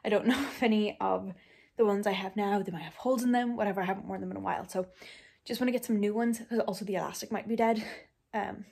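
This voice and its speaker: A woman's voice: medium pitch, fairly even intonation, fast talker, creaky, a little mellow, slightly rough. A young woman chatting casually in a rambling vlog, full of fillers, first while driving and later at home. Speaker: vlogger. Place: in a car, then at home.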